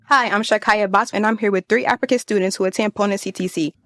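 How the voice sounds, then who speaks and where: A teenage girl from the United States interviewing classmates for youth radio, relaxed and conversational with lots of fillers. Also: medium pitch, fast. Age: teens. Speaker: student interviewer.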